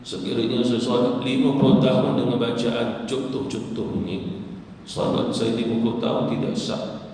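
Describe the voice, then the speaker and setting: A man's voice: medium pitch, fairly even intonation, normal speed, warm tone, slight background noise. A Malaysian man teaching a sermon on Quran recitation, breaking into chanted recitation to show each example. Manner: demonstrates recitation in a chanted melodic voice. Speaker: religious teacher. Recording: echoey hall heard from a distance.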